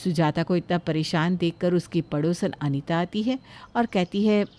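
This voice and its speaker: A woman tells a moral story at an even, measured pace. Her voice sits lowish and plain for the narration.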